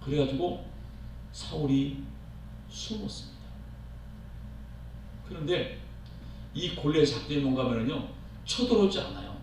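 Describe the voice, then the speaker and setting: A male pastor preaching a sermon in a church, telling the story in an animated way and acting out the quotes. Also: on the high side. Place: church sanctuary. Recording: echoey hall, voice from far off, faint noise.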